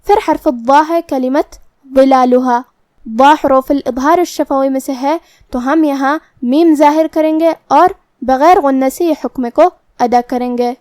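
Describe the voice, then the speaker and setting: A woman with a high, clear, darkish voice gives a tajweed lesson, teaching Quran recitation rules and explaining each letter's pronunciation step by step with slow recitation. Her delivery is patient and careful, like a teacher's, and the recording is dry and close with no room sound.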